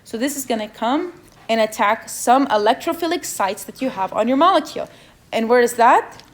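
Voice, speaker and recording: A woman's voice: a little high, lively intonation, normal speed. A young woman with a non-native English accent leading an exam review session, asking the students questions and checking in with "okay?" as she goes. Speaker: chemistry review session leader.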